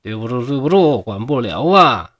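A man with a Northeastern Mandarin accent voicing a greedy, scheming blind old male monk, making slow, drawn-out demands. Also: medium pitch, very animated, a bit bright. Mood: sneering.

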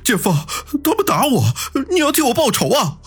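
Whimpering cowardly young guy, high and husky. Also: huge pitch swings, fairly quick, fairly bright tone, faint music behind, full character voice. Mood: whining. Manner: wailing, sobbing falsetto. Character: cowardly whining young brother-in-law, male.

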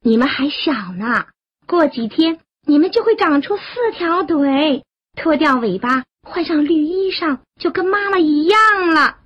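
A cheerful, loving mother frog from a storybook, calling out high and lively, as a woman plays her. A faintly breathy, muffled recording. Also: measured pace.

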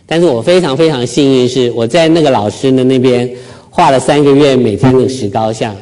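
A man's voice: mid-range voice, brisk, dark tone. Self-mocking man telling a story to a crowd. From Taiwan. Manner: self-deprecating, humorous storytelling. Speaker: speaker giving a talk. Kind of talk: storytelling public talk. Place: lecture hall with live audience.

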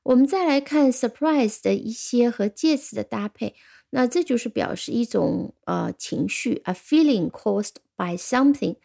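A woman teaching an English vocabulary lesson, explaining patiently and spelling words out slowly. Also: mid-range voice, vocal fry, dark tone.

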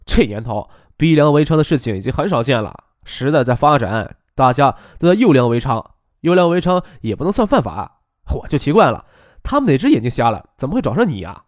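A man's voice: mid-range voice, big pitch swings, fairly quick, no room sound, clean studio sound, close to an everyday voice. A man voicing a cynical, wisecracking young man in an audiobook. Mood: sardonic. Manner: sardonic, joking. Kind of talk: audiobook character voice.

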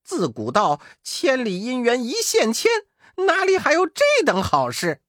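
A man voicing a cheeky, boastful male monkey king who cackles and talks in quick bursts. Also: extremely high pitch, huge pitch swings, a bit bright, no echo, studio quality, voice pushed up, full character voice.

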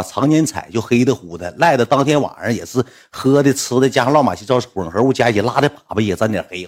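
A man with a Northeastern Mandarin accent telling a funny anecdote in a rambling, repetitive, colloquial way with some swearing. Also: medium pitch. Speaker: storyteller. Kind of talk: casual anecdote storytelling.

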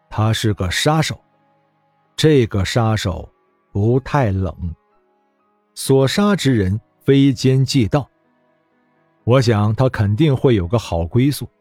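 A man reads a fantasy novel aloud with expressive, animated storytelling. His mid-pitched voice sounds dry and close to the mic, with soft music underneath. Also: slightly rough, no room sound. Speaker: audiobook narrator. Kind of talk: web novel audiobook narration.

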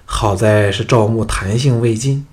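A man narrating a historical novel as an audiobook, in a steady storytelling way. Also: lowish voice, a little slow.

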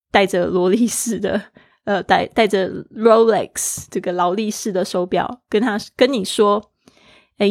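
A woman's voice: mid-range voice, dry recording, studio quality. Woman teaching English, spelling words out. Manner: spells words out letter by letter and repeats them; mixes English phrases into her explanations. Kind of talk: online English lesson, explaining vocabulary.

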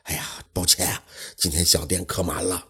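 A man doing a timid, hushed old innkeeper. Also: low voice, little pitch movement, normal speed, husky, pitched below the performer's own voice, heavily acted. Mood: apologetic. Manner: hushed, apologetic, sighing.

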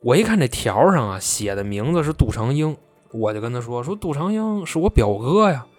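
A man voicing a blunt young accountant cousin who talks with gruff scorn. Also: medium pitch, big pitch swings, brisk, no room sound, faint music behind. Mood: scornful.

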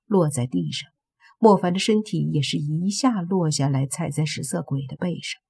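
A narrator reading a web novel audiobook, telling fight scenes in a brisk, dramatic way. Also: mid-range voice, mellow, breathy edge.

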